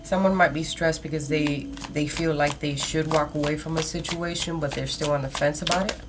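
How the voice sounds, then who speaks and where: Woman, lowish pitch, conversational mystical card reading, horoscope guidance to listeners, loud music bed. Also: steady tone, fairly quick, noisy background. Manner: casual, conversational, addressing listeners directly. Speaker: tarot card reader. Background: music, shuffling cards.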